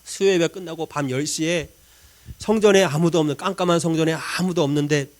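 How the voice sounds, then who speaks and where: A man, a pastor, delivering a sermon as a personal story, acting out his own prayers and swinging between loud pleading and hushed murmurs. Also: a little high, brisk.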